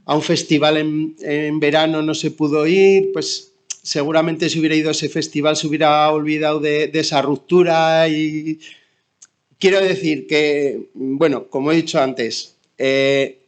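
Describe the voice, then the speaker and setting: Halting, slow-spoken bereaved man from Spain, quietly grieving. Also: on the high side, flat delivery, smooth. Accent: Spanish from Spain. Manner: halting, searching for words, with many pauses. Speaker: bereaved father giving testimony. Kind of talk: spontaneous testimony at an online talk.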